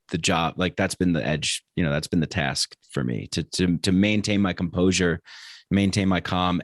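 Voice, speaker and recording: A man talking as a podcast guest, relaxed and halting, with many restarts and fillers. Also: low voice, no room sound. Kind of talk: casual conversation.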